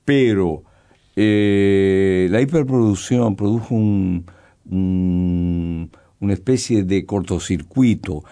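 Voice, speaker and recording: This guest is a poet, an older man whose first language is Brazilian Portuguese. His voice is low and mellow, and his reflective interview answers come slowly, haltingly, with hesitant, thoughtful pauses.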